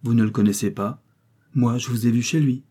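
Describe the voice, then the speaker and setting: A man doing a young widow, raised pitch, firm and clear, dark husky tone, storybook reading. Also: fairly even intonation, fairly quick, lightly acted. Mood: accusing.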